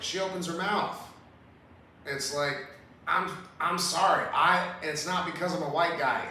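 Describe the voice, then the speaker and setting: A man's voice: a little high, bright, forceful tone. A man hosting a podcast, ranting casually about politics in a profane, rambling, heated way. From Southern California. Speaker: podcast host. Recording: roomy, distant mic with faint hiss.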